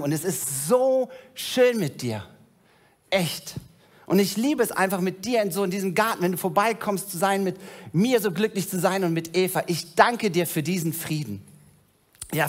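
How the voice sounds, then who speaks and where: Man doing Adam, first man, childlike, gushing, slightly high voice, bubbling with delight. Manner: enthusiastic, gushing, talking to an unseen father.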